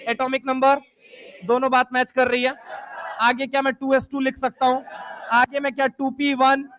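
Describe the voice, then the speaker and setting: A young man teaching chemistry in a lively classroom lecture, firing repeated questions and teasing his students. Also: very high-pitched, normal speed. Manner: repetitive call-and-response questioning.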